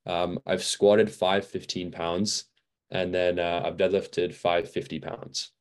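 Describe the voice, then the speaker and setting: A young man with a very low, deep voice, chatting as a podcast guest. He rambles easily with lots of "like" and "uh," a touch worn out from training. Relaxed and unscripted. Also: slow pace. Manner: rambling, many fillers and restarts. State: a little fatigued. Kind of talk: casual interview chat.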